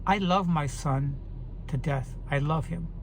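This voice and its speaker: A man's voice: fairly high pitch, unhurried, slight background noise. A man in his fifties talking earnestly and reflectively in a personal video diary, often repeating his key points. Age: 50s. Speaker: vlogger.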